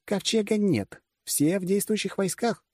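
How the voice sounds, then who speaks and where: A man's voice: high voice, a little slow, no room sound, clean studio sound, voice pushed up. A man reading an audiobook, voicing a blunt, sarcastic older female generalissimo. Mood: lecturing.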